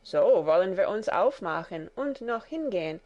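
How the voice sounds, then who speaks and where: A woman voicing a sensible, encouraging old male donkey in a warm fairy tale telling. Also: mid-range voice, expressive, normal speed, lo-fi sound, natural voice. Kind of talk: storybook character reading.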